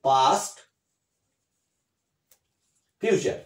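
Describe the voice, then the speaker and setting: A man with a West Bengal Bengali accent teaching a grammar lesson, patiently repeating key words and often checking that students follow. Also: very slow. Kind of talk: classroom-style grammar lesson. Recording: echoey room.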